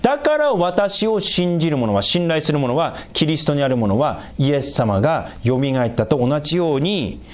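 A middle-aged man preaching a sermon as a pastor, explaining scripture in an animated way and making small jokes with the congregation. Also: normal speed, hardly any pauses. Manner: animated, raises pitch for emphasis and quoted lines, jokes with the congregation.

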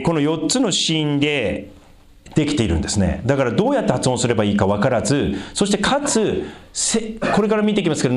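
A man preaching a sermon as a pastor, talking conversationally and addressing the congregation directly. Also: mid-range voice. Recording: echoey room.

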